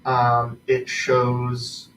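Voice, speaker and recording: A man improvising tabletop game narration as game master, haltingly, searching for his words. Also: medium pitch, monotone, a bit bright. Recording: distant mic, roomy echo, faint noise.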